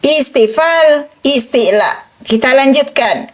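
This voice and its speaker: A woman's voice: high voice, slow. A woman teaching Quran letter pronunciation in an online lesson, patiently repeating and drilling each sound.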